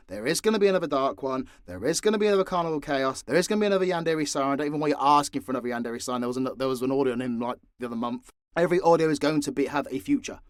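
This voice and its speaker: Here an audio drama creator delivers an unscripted monologue to listeners, answering their questions bluntly, with plenty of swearing and an exaggerated air of exasperation. His medium-pitched voice is clear and resonant, recorded dry at studio quality.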